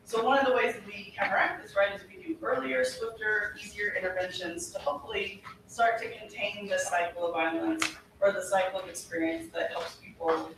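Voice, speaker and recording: A policy presenter giving a formal, explanatory briefing to a legislative committee, earnest and often pausing on fillers. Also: medium pitch, lively intonation. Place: legislative hearing room. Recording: echoey hearing room from far off, with background noise.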